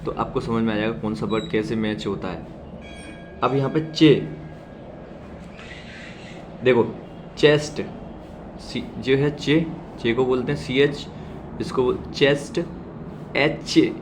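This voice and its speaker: A man teaching a shorthand class, slowly repeating example words loudly and reassuring his learners. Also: mid-range voice, fairly even intonation, noisy background. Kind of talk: classroom lesson.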